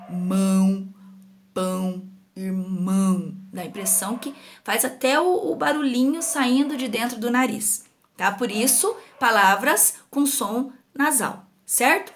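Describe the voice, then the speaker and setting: A woman's voice: sits high, expressive, a little slow. A young Brazilian woman teaching an online grammar lesson to children, patient and sing-song, often checking in with her pupils. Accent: Brazilian Portuguese. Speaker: school teacher.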